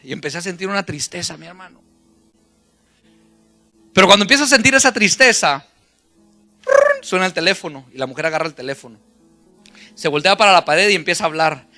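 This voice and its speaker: A man from Guatemala with a Guatemalan Spanish accent, a pastor preaching a sermon and telling his own testimony, rising into loud fervent preaching. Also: high voice, expressive, fairly quick, pauses often, faint music behind.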